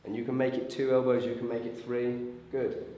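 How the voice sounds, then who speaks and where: A man with a hoarse, raspy voice from a sore throat gives an informal, hands-on martial arts lesson as the instructor, checking in as he explains. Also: mid-range voice, completely flat delivery, fairly quick, warm tone. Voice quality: raspy, strained voice. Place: echoey indoor training room. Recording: very echoey room with faint noise.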